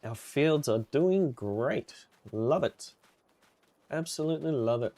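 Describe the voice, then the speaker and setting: A man's voice: mid-range voice, expressive, takes it slowly, warm tone. A man streaming a game live, chatting casually with viewers and reacting with upbeat exclamations.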